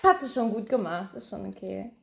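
A woman's voice: mid-range voice, very animated, brisk, gravelly. A giggly, teasing woman asking quiz questions in a casual chat between friends. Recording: roomy, echoey indoor sound.

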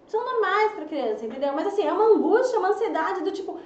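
A woman's voice: very high voice, big pitch swings, fast talker, a little mellow, slight background noise. A young adult Brazilian woman, a pediatrician chatting as a guest, who acts out anxious parents in whiny voices. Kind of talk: casual interview chat. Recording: roomy, distant, muffled recording.

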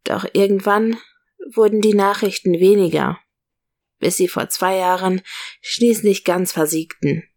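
A woman reading a story aloud as narrator, in a calm, measured way. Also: mid-range voice.

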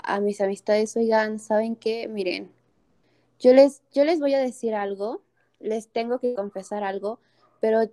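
A woman's voice: medium pitch, mellow. A young woman with a Mexican accent, earnestly telling a personal story with many fillers and restarts.

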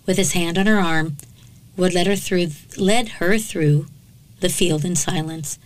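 A woman with a slightly low voice narrates a true crime case in a podcast. Her storytelling is dramatic and measured. She drops in blunt, sarcastic remarks along the way. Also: fairly even intonation, rough recording.

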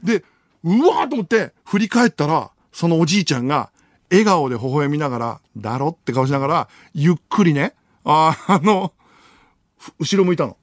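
A man's voice: fairly high pitch, expressive, normal speed, dry recording, studio quality. A man hosting a late-night radio show, telling a long story with sound effects and bursts of laughter. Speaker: radio host. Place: radio studio. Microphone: studio microphone.

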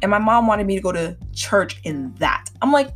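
A woman's voice: medium pitch, expressive, normal speed, faint music behind. A woman in her twenties hosting a solo podcast, talking candidly in a chatty, filler-heavy way while slightly sick. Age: 20s. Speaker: podcast host. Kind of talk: casual solo podcast talk.

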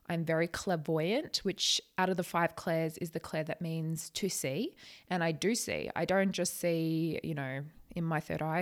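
A woman talking casually on a solo podcast, chatty and a little nervous, stumbling over her words and rephrasing as she goes. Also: lowish voice. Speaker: podcast host, psychic channel.

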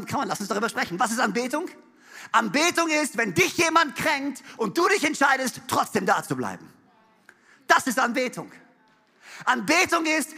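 A male pastor preaching a sermon. He speaks emphatically, building to loud repeated refrains, with playful asides and laughs. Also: extremely high pitch.

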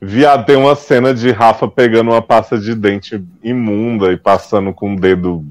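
A man's voice: lowish voice, fairly even intonation, normal speed, noisy background. A man co-hosting a podcast, joking and gossipy in casual chat. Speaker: podcast co-host.

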